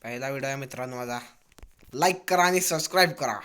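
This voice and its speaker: A man giving excitable, cursing commentary on his own mobile shooter gameplay, telling viewers to keep watching. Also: medium pitch, fast, clean tone. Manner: excitable, cursing trash talk. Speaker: mobile game streamer.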